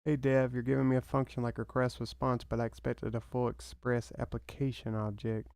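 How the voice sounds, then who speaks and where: A man's voice: mid-range voice, level tone, a little fast, creaky, a little mellow, no echo. A young man with a Southern US accent, thinking aloud and swearing at his mistakes as he writes code. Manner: muttering to himself, swearing at mistakes. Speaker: programmer streaming his work. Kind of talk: thinking aloud while coding.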